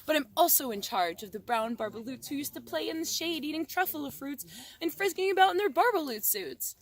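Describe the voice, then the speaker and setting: A woman's voice: high-pitched, expressive, fairly quick, pitched above the performer's own voice. A woman voicing an indignant old forest creature from a storybook, scolding and pleading in rhyme recited by rote. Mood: indignant, sorrowful.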